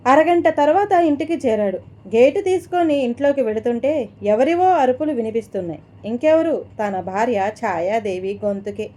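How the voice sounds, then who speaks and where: High-voiced woman storyteller. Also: moderate pace. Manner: steady, descriptive reading. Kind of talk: scripted story narration.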